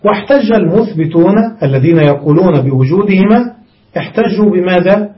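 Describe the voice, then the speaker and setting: Guy with a high voice teaching a grammar class, keeps asking if students get it, dull old recording. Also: lively intonation, fairly quick. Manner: reads out the text, then explains it, with frequent checking questions. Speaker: sheikh teaching Arabic grammar. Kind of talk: classroom lesson explaining a grammar text.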